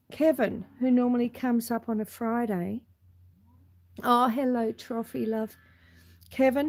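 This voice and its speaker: Hoarse and husky from a cold, a middle-aged Australian woman casually greets live stream viewers from her homestead, recording outdoors on her phone's camera. Her voice is a little high and warm in tone.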